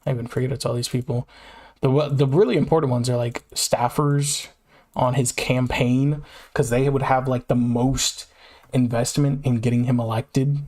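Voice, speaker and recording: A man's voice: mid-range voice, fairly even intonation, normal speed, darkish tone. A young adult man, a streamer, chatting casually and reading a report aloud, often stumbling and misspeaking.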